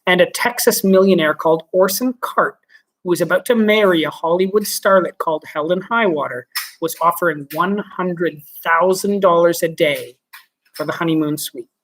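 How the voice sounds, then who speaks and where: A man's voice: high-pitched, normal speed, fairly bright tone, low-quality recording. A teacher reading a children's book aloud, stopping for chatty asides that explain words to his students.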